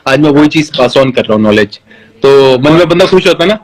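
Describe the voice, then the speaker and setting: A man's voice: mid-range voice, fairly quick, rough recording. Easygoing man chatting on a video call. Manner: relaxed, reflective, easygoing. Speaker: guest. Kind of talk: casual live video chat. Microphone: phone on a video call.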